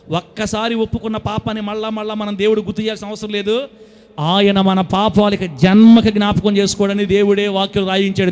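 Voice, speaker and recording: High pitched pastor preaching, gets loud then drops soft, kind of scolds and coaxes the congregation. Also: male voice. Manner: preaching with sudden loud and soft swings, scolding and coaxing the flock. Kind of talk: sermon.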